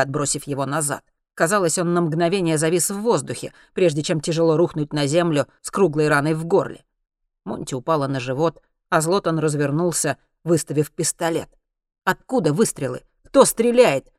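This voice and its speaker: A steady, measured audiobook narration of a science-fiction story. The voice sits at a middle pitch. It is recorded close, with no room sound at all. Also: dry recording.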